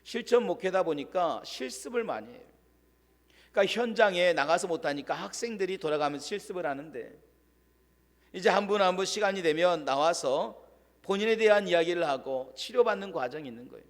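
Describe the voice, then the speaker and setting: High-voiced pastor telling a story in a reverberant church. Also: male voice, expressive, brisk. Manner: dramatic storyteller, drops to hushed voice for quoted lines. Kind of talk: sermon storytelling. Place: church sanctuary. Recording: long church-hall reverb.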